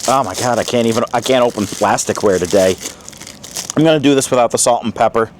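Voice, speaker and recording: An outdoor vlogger sits at a picnic spot doing a casual review of a camp meal, chatting away with his mouth full. His voice is medium in pitch and he talks fast, with a little hiss or hum in the audio.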